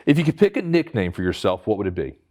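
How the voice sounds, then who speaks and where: A man hosting a lightning round, teasing his guest as he runs through rapid questions. His pitch swings up and down a lot as he talks. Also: big pitch swings, mellow. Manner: playful, teasing, laughs often. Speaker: interview host.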